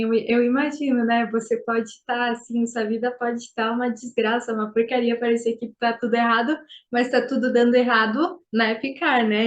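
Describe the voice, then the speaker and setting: Chatty teenage girl hosting, fairly high. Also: lo-fi sound. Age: teens. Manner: chatty, asks loose rambling questions. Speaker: host. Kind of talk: casual interview.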